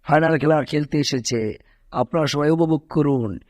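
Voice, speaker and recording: A man's voice: a little high, moderate pace, darkish tone, no room sound, studio quality, close to an everyday voice. A man putting on the voice of a formal male wrestling announcer in a fan cartoon dub. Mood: announcing.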